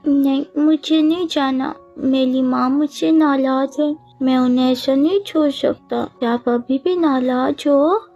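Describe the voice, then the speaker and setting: A woman's voice: sits high, measured pace, few pauses, mellow. A woman voicing a playful, pouty little boy who coaxes and whines like a child. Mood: coaxing. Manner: whiny, pleading child's voice. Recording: dull lo-fi audio with faint music.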